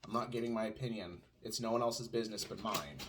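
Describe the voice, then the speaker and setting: With a pronounced Southern US twang and a lowish voice, a podcast co-host sarcastically rants at home during a casual talk with his wife, answering his own mock questions. He speaks at a quick pace, and there is background noise.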